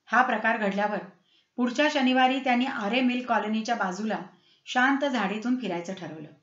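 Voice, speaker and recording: A woman storyteller reads with lively, dramatic expression. Her voice sits on the higher side. The recording is roomy and slightly muffled. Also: brisk.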